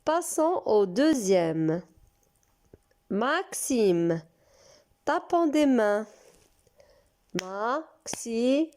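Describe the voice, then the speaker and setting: Woman, preschool teacher, very slow, mellow, encouraging. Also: fairly high pitch, animated. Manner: slow, drawn-out and encouraging, praising often. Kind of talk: recorded reading lesson for young children.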